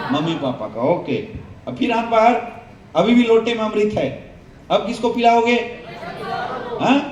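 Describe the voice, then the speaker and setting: A man with a very high voice gives a motivational sales training seminar, quizzing the audience with call-and-response questions. He's recorded from a distance in an echoey hall. The audio is dull, with background noise.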